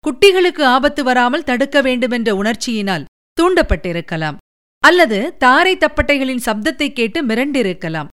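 A woman narrating an audiobook of a historical novel in an even, measured storytelling manner. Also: sits high, clear, resonant tone.

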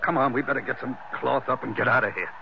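An actor playing a brash, loyal, slangy sailor in 1940s radio style. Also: male voice, medium pitch, quick pace, creaky, close to an everyday voice. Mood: blunt. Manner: slangy, blunt. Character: brash, loyal sailor, the skipper's male mate. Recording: muffled, noisy old radio recording.

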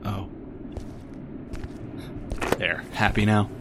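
A world-weary private detective in a noir audio drama. His voice sits fairly low, with a wry, hardboiled, stubborn edge and easy sarcasm. Faint ambience lingers behind him. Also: fairly even intonation, drawn-out words, noisy background. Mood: sarcastic, put out.

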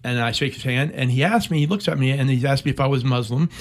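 A middle-aged veteran from the United States speaks at a medium pitch while recounting a personal war story for an interview. He takes a measured, reflective pace and pauses often.

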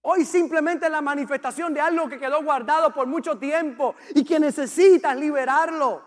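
A man's voice: extremely high pitch, moderate pace. A man preaching a sermon as a pastor, impassioned and repetitive as he urges the congregation on. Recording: long reverb of a large hall.

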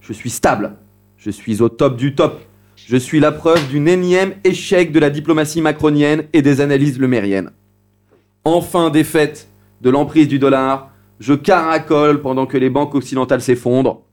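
Un homme qui anime un jeu radio, lisant les énigmes avec emphase théâtrale. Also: male voice, a little high, darkish tone, soft background music. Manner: theatrical, drawn-out riddle reading. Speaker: game show host. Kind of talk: radio quiz hosting.

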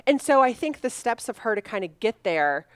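A woman chatting casually on a podcast about a story, often acting out quoted lines in lively voices. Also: on the high side, moderate pace, clear, resonant tone, no echo. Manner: animated, acts out quoted dialogue. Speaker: podcast co-host. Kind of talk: casual book discussion.

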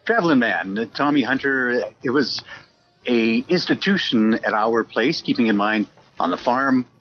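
A man from Canada, a podcast guest with a radio background, telling stories in an easygoing way with frequent pauses. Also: mid-range voice, expressive, lo-fi sound, music in the background. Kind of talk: casual reminiscing chat.

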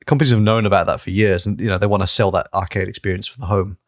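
A man with a lowish voice chatting casually as a podcast co-host, rambling through his points with plenty of fillers and easy laughs. He swears now and then. The sound is dry and close. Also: fairly even intonation, racing, no room sound. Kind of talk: casual chat.

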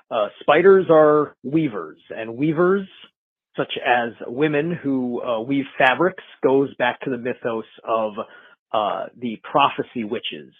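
A man calling in to a live show over a phone line, sharing his view in a measured way with many pauses. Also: medium pitch, no echo. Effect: phone-line call-in audio. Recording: tinny dry phone line.

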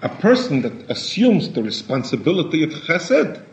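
A man giving a sermon in a halting way, often repeating words and rising in pitch for emphasis. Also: big pitch swings. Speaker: rabbi. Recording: echoey room, dull lo-fi sound.

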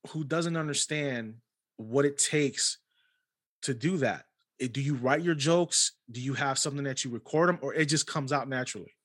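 A man's voice: medium pitch, moderate pace, a bit bright. A man hosting a podcast, giving a guest encouraging advice in casual conversation. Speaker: podcast host. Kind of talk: casual interview chat.

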